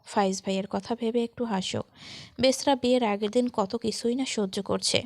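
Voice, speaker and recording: Woman doing a cheerful young girl in a storybook, light coaxing, a bit high. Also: fairly even intonation, moderate pace, no echo, lightly acted.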